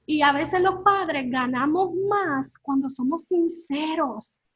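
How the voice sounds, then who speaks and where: Earnest high-voiced woman on a call. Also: takes it slowly, fairly bright tone, dry recording, highs cut off. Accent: Latin American Spanish. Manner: earnest, with many fillers and tag questions. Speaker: workshop speaker.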